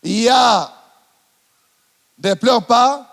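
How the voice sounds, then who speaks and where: A man preaching a sermon as pastor, swinging between impassioned shouting and hushed passages. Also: extremely high pitch, very slow, gravelly, long reverb tail.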